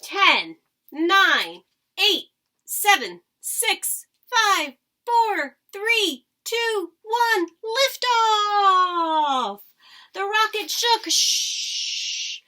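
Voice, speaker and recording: A woman with a very high, bright, forceful voice reads a children's storybook aloud like a teacher. She's expressive and dramatic in her emphasis, tossing in short asides to her listeners.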